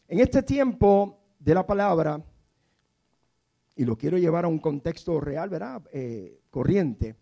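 A man in his fifties preaching with a warm, mellow tone that sits a little high for a man. He tells the story in a storyteller's manner, slipping into soft, hushed passages. He also calls on the congregation to repeat key words back to him. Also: lively intonation, slow pace, gravelly. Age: 50s. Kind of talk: sermon.

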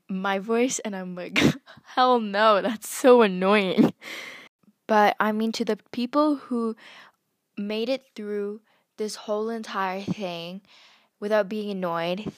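A teenage girl hosts a casual podcast from her bedroom at night, rambling about herself and giggling as she jokes at her own expense. Her voice is a little high and the recording is dry, and she comes across chatty and self-mocking.

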